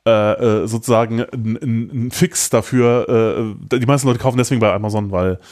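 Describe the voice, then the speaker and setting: A man's voice: on the low side, steady tone, moderate pace, a little mellow. A man co-hosting a casual tech podcast, talking in a rambling way with lots of fillers and restarts. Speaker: podcast co-host.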